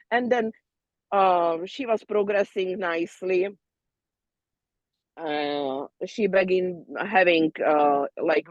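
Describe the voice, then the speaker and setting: A woman, a doula student, casually telling peers about a birth in halting, non-native English full of fillers and restarts. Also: on the low side, no room sound, highs cut off. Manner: non-native phrasing, loose grammar.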